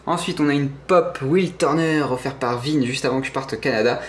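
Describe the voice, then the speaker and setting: Brisk and medium-pitched, with slight background noise, a young gaming streamer with a French accent gives a casual tour of his gaming room. He rambles, hesitates often and corrects himself, and jokes playfully and enthusiastically about his collectibles.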